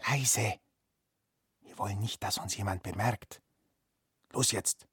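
Grim, secretive old woman, put on by a male narrator; husky, unhurried, hushed storybook delivery. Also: no echo, clean studio sound, heavily acted. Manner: hushed, urgent low voice.

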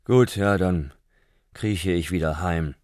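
A man's voice: low-pitched, takes it slowly, a little mellow, no room sound, studio quality, voice pushed down. A man voicing a shy, polite male slug with a beer belly in a storybook reading, hesitant and meek. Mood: hurt.

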